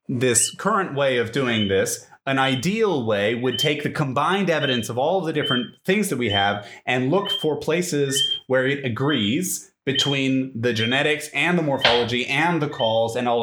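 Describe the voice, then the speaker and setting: A man's voice: mid-range voice, a bit bright, a little hiss or hum. Male scientist, casual explainer who revises his sentences as he goes, echoey room sound. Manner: thoughtful, corrects himself mid-sentence. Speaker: scientist answering listener questions. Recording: roomy echo.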